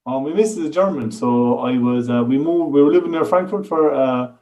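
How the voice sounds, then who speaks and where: A man's voice: a little high, brisk, warm tone, low-quality recording. A man with an Irish accent chatting casually as a guest, colloquial and sweary. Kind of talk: casual chat.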